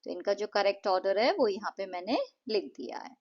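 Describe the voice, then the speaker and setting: A woman with an Indian accent teaching an English lesson in an explanatory way. She reads the English lines slowly and deliberately, then explains them more quickly. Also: mid-range voice, sing-song, vocal fry. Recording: dull lo-fi recording.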